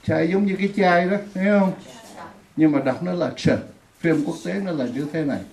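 A woman's voice: fairly low pitch, normal speed, darkish tone. A woman teaching an English lesson in a classroom, patiently repeating words for her students to drill. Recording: echoey room.

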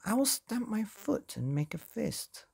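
A man's voice: high-pitched, very animated, measured pace, gravelly, darkish tone, slightly rough, pitched above the performer's own voice, heavily acted. A man putting on a blustering, bossy proud man. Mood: defiant. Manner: blustering and indignant. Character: proud, bossy grown man who demands respect.

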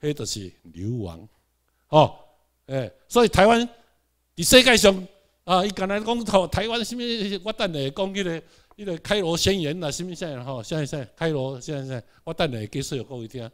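A man's voice: a little high, animated, moderate pace. A man with a Taiwanese accent giving a classroom lecture, asking the audience rhetorical questions and having them repeat words. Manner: mixes in English words.

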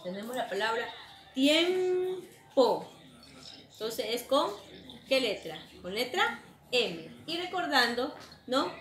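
A woman's voice: a little high, fairly bright tone, echoey room. A woman teaching a spelling lesson to children, patiently asking questions and answering them herself, stretching out words as she says them. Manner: drawn-out, emphatic pronunciation of words.

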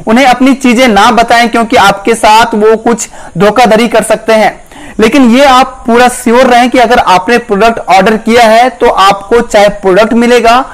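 Guy with a really high voice doing a tech explainer voice-over, earnest and direct with viewers. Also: low-quality recording. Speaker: tech channel host.

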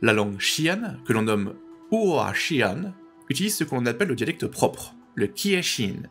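A man narrating a language tutorial, patiently explaining and slowly repeating pronunciations. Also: medium pitch, sing-song, soft background music. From French-speaking.

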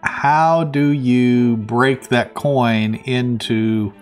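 A man's voice: medium pitch, fairly even intonation, extremely slow, faint music behind. A man casually commenting on a video game he is playing, thinking aloud with plenty of fillers. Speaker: let's play host.

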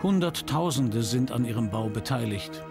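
Male narrator, history documentary, grave and measured, mid-pitched, clear music underneath. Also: lively intonation. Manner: grave, measured, short dramatic sentences. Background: background music.

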